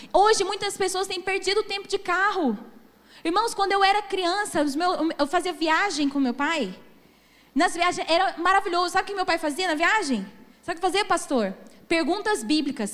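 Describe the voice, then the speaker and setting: Brazilian woman pastor, 30s, high voice, emphatic sermon delivery, long church-hall reverb. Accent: Brazilian Portuguese. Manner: preaching emphatically, addressing the congregation as brothers.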